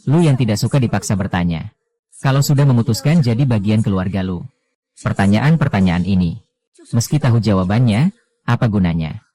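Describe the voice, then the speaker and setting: A man reading the dialogue of a dubbed drama, voicing every role in one even, low-key delivery. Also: brisk. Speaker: voice-over reader of a drama.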